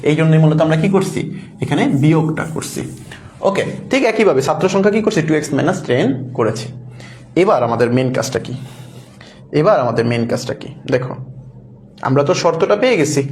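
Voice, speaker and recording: A man's voice: fairly high pitch, animated, brisk, pauses often, darkish tone. A man teaching an online math lesson, patient, repeating each step and quizzing the class, mixing in English words. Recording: echoey room with faint ambience.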